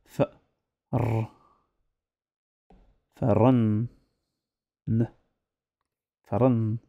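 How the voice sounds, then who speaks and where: A man leads a slow, patient reading lesson, repeating each word several times and breaking it into syllables to correct its sound. His voice is mellow and unhurried, and it is recorded up close in a dry space with no room echo. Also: fairly low pitch, level tone, creaky, muffled recording. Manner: spells words out syllable by syllable and corrects pronunciation. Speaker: Arabic teacher.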